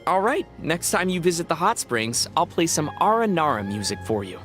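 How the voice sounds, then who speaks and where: A woman voicing a calm young woman traveler with a dry, gently teasing manner, in video game dialogue. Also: sits low, fairly quick. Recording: game audio with faint music.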